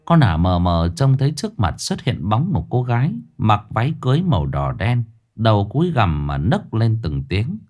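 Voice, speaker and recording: A man narrating a ghost story in a dramatic, expressive way. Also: on the low side, normal speed, soft background music.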